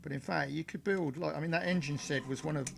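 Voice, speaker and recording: Fast-talking and slightly high-pitched with vocal fry, a man hosts a live model railway crafting stream over background noise. He rambles chattily, stuffing his talk with fillers and self-corrections.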